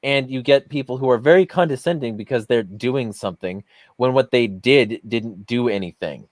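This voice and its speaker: A man's voice: mid-range voice, moderate pace, dry recording. Profane ranting man, dry sound. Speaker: podcast host. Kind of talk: heated casual chat.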